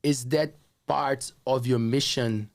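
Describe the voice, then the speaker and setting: A man hosts a laid-back podcast interview and asks his questions in a loose, hesitant way with plenty of fillers. His voice has an ordinary middle pitch. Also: steady tone, slow pace, no room sound. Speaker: podcast host.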